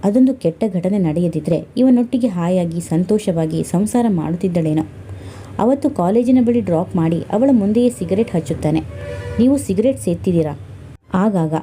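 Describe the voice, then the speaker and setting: A woman narrating a scripted family story in a steady, expressive reading. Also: on the low side, brisk, slight background noise.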